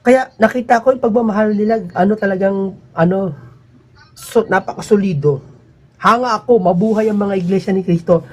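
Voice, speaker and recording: A man talking casually to his viewers in a rambling, emphatic way, his pitch swinging up and down. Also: moderate pace, darkish tone. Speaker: vlogger.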